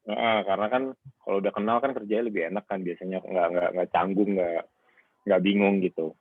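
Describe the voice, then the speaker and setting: Speaking briskly in a deep, steady voice, a man who runs a car wash rambles through a casual phone interview, leaning heavily on fillers. The recording has that dry, narrow, tinny phone-line quality.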